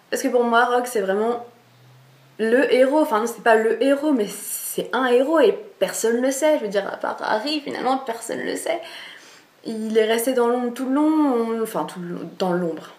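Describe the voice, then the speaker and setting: Chatty young woman in an echoey room. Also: fairly high pitch. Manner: chatty, enthusiastic, many fillers and restarts. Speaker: book vlogger. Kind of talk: casual chat to camera.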